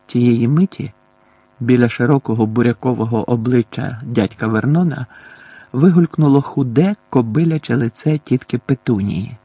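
Husky male audiobook narrator. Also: mid-range voice, moderate pace, mellow, dry recording.

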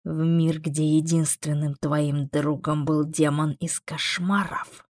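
A woman voicing a calm, mocking male demon in an audiobook, speaking slowly with a gravelly edge. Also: no room sound, studio quality. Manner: slow, low, unhurried and sardonic. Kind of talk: audiobook character voice.

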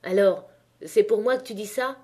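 A woman's voice: medium pitch, moderate pace, warm tone, lightly acted. Woman reading as an earnest young male miner. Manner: earnest, pleading.

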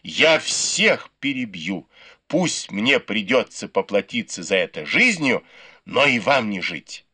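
A man's voice: lowish voice, very animated, takes it slowly, slightly rough, no echo, full character voice. A man voicing a drunken, furious young nobleman who threatens everyone in an audiobook. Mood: raging. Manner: shouting, threatening.

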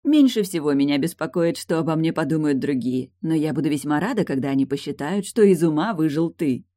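A reader voicing a sharp-tongued young woman who teases in a languid, mocking way. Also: sits low, lively intonation, fairly quick, no echo, studio quality. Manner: teasing, languid.

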